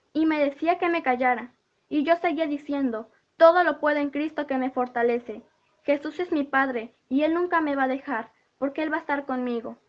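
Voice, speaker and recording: A woman's voice: sits high, muffled recording. A woman giving an earnest spoken testimony in church, retelling a vision and quoting what each figure said to her.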